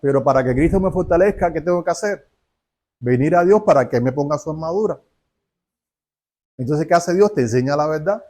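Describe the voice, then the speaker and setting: Male preacher, fairly high pitch; sermon delivery full of rhetorical questions and acted-out exchanges. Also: animated, a little fast, pauses often, darkish tone. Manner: asks rhetorical questions and acts out dialogues.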